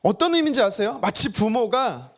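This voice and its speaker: Man, pastor, church sermon, very high voice, lively delivery with acted-out quotes. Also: normal speed. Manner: lively, acts out quoted voices, joking asides. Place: church sanctuary.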